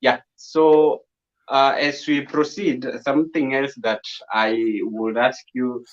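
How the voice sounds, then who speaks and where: A man interviewing over a muffled online call line, halting and repeating words as he asks his questions. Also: medium pitch, little pitch movement. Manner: halting, repeats words while searching for them. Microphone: video call. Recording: dull lo-fi video call audio.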